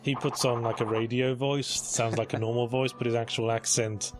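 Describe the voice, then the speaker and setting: A man's voice: medium pitch, level tone, a little fast, music in the background. Sardonic man riffing on a retro game. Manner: sardonic and profane. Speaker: co-commentator. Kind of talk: casual gaming commentary.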